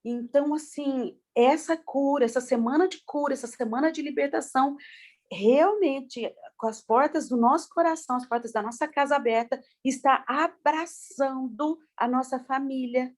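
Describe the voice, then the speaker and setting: A woman pastor talks over a video call, tearful and effusive, her words tumbling out with many fillers. Her voice sits fairly high. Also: normal speed. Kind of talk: testimony-filled church talk on a video call.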